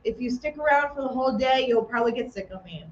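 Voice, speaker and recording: A woman's voice: sits high, fast talker. A woman emceeing a live arts festival from a theater stage, chatty and upbeat with self-joking asides, speaking into a stage microphone. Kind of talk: live event announcements. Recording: echoey, muffled live room sound.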